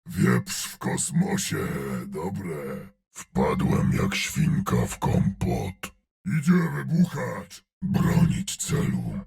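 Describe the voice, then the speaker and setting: An actor voicing a huge, gruff male brute in a video game, growling out terse battle callouts and dry sardonic remarks in a gravelly voice. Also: low voice, wildly swooping pitch, drawn-out words, darkish tone, exaggerated voice.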